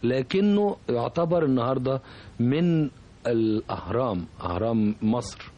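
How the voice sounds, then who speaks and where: A man with an Egyptian accent, a composer being interviewed on radio, talking reflectively and pausing often to find his words. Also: medium pitch, expressive, dark tone, lo-fi sound. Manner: reflective, hesitant, searching for words. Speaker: composer, guest.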